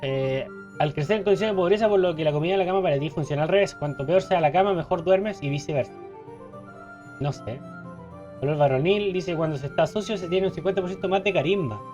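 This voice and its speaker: A man's voice: a little high, muffled recording. A man with a Chilean accent giving casual, joking let's play commentary, reading game text aloud. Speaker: gaming streamer.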